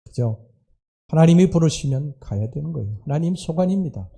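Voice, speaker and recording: A male pastor preaching a Sunday sermon in a church. His voice is very dark and mellow, with a husky, breathy edge. He speaks slowly and earnestly, pausing often between phrases. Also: a little high, expressive. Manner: slow, earnest preaching with pauses and hesitations. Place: church sanctuary.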